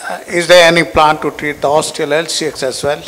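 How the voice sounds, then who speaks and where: A man's voice: fairly high pitch, flat delivery, brisk, fairly bright tone, rough recording. A man speaking as a medical panelist, asking and commenting in technical terms. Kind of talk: technical questioning. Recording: faint background noise.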